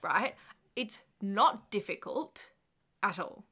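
A woman's voice: medium pitch, expressive, takes it slowly, pushed and bright, slightly rough. A woman in her twenties co-hosting a podcast, chatty and explanatory in casual talk. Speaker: podcast co-host. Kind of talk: casual chat.

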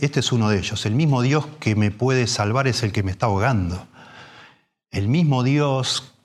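A man's voice: mid-range voice, breathy edge. A man, preaching a sermon in a conversational way, full of restarts and rhetorical questions.

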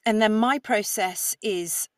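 A woman's voice: medium pitch, slow pace. A woman who narrates audiobooks, explaining her craft with enthusiasm in a podcast interview. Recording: slightly distant mic, dry sound.

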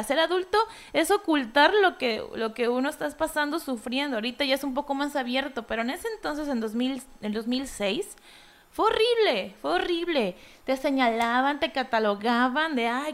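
Candid, chatty young Mexican woman. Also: high-pitched. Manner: candid and chatty, with many fillers and mock quotes. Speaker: design graduate. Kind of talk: casual personal monologue.

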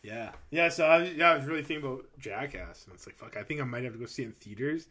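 Bright-voiced laid-back podcast host. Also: male voice, mid-range voice, lively intonation, fast, breathy edge. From Canada. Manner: laid-back, short agreeing replies. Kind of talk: casual podcast chat.

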